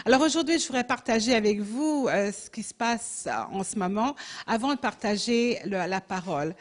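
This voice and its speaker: A woman's voice: a little high, animated, moderate pace. A French woman in her sixties with a slight Jamaican tinge to her accent, giving a missionary presentation in church, hesitant and searching for words.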